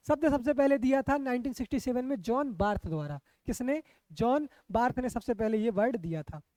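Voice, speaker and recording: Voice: mid-range voice, dark tone, dry recording. A coaching teacher giving an exam-prep lecture, often asking the class rhetorical questions, checking that they follow and repeating key terms.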